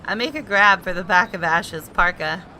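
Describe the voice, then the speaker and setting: Bright, lowish-voiced woman reading game narration. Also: normal speed, a little hiss or hum, poor audio. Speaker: gaming video host. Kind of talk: reading visual novel narration aloud. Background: background music.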